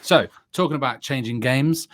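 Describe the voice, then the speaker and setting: A man co-hosting a podcast from his home, chatting casually and loudly with rambling stories and jokes. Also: mid-range voice, moderate pace. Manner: loud, bantering, rambling storyteller. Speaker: podcast co-host. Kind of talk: casual chat. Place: home second bedroom. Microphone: desktop USB microphone.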